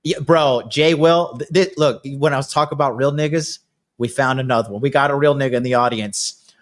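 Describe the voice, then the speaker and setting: A man in his late thirties hosts a podcast, chatting casually in a brash, crude, boastful way. His voice is medium-pitched and fairly quick.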